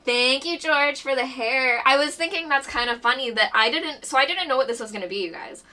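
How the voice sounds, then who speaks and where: A woman chatting excitedly on a board game live stream, bubbly and rambling, a little out of breath. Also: sits high, brisk, distant mic. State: a bit out of breath. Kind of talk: casual live-stream chat.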